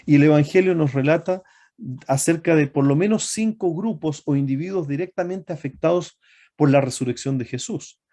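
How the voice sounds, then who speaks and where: A man preaching a sermon to his congregation, often asking them rhetorical questions and pausing on fillers and self-corrections. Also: on the high side, warm tone.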